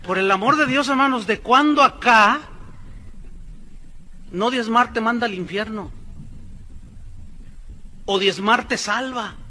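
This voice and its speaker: A male pastor preaching a sermon, emphatic, swinging between loud declarations and hushed asides. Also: very high voice, slow pace, long pauses.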